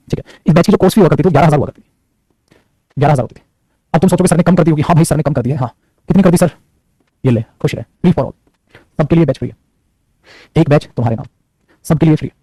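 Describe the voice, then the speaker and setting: A man's voice: on the high side, dark tone, slightly rough, dry recording. A young man teaching a live online class in a chatty, teasing, scolding way. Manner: chatty, scolding, joking with students. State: sore neck. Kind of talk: casual live class talk.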